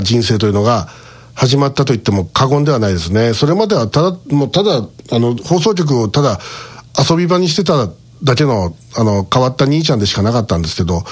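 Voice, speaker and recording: Middle-aged male radio host, lively storyteller, voice that rises and falls a lot. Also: mid-range voice. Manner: animated, lively storyteller who chuckles between points. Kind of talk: casual storytelling monologue.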